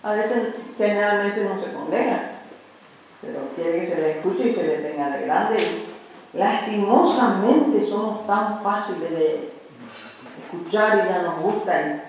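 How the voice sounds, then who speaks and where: A man's voice: sits high, animated, a little slow. A man preaching a sermon to his congregation in an earnest, conversational way, often repeating his words. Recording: very echoey room with faint noise.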